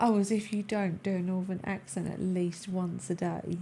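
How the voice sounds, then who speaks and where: A woman's voice: fairly low pitch, steady tone, moderate pace, gravelly, dark tone, slight background noise. A woman co-hosting a game stream, chatting casually and teasing her co-hosts. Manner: chatty, teasing, laughs easily. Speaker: stream co-host. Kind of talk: casual chat.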